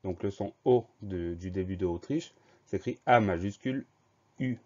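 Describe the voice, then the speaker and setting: A man teaching a French dictation lesson, slowly spelling out words letter by letter. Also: low-pitched, a little mellow. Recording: dull lo-fi sound.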